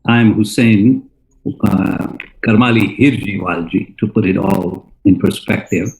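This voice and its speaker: An older man introducing himself as an interview guest, speaking slowly and formally. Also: lowish voice, fairly even intonation, gravelly, a little mellow. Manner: slow, measured, formal. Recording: echoey room.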